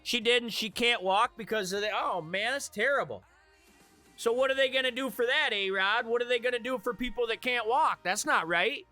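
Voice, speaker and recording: A man's voice: very high-pitched, moderate pace, sharp tone, faint music behind. A man from Michigan chatting casually with viewers on a live stream, joking and laughing at his own remarks.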